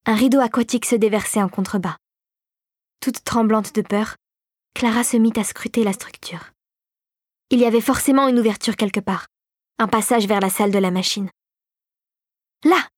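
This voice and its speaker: Woman telling a storybook adventure, dramatic and expressive, kinda high voice. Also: moderate pace, pauses often, no echo, clean studio sound. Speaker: narrator. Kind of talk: scripted storybook narration.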